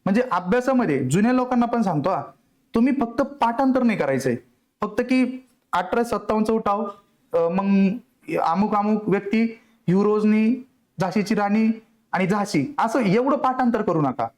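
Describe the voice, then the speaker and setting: A man's voice: high voice, lively intonation, moderate pace, a little mellow. A young man, giving an earnest, conversational motivational talk to exam students and asking them rhetorical questions. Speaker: exam coaching mentor.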